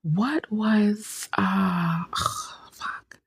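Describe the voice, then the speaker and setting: A woman musing in a casual, rambling chat, often drifting into soft whispers. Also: mid-range voice, steady tone, very slow, creaky, husky, no echo, clean studio sound. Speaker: tarot reader.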